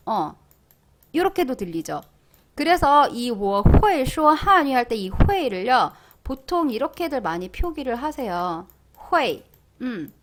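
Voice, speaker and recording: A young woman teaching a language lesson online, playful and lively, drawing out sounds slowly and loudly as she models them. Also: a little high. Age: young adult.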